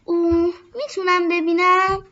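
A woman's voice: extremely high pitch, flat delivery, bright, forceful tone, voice pushed up. A woman voicing a tiny, curious and blunt girl from a forest in a storybook reading. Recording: dull lo-fi recording.

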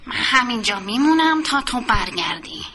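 A woman voicing a hungry, bullying fox who makes slow, blunt demands. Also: fairly high pitch, animated, sharp tone, slight background noise. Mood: demanding.

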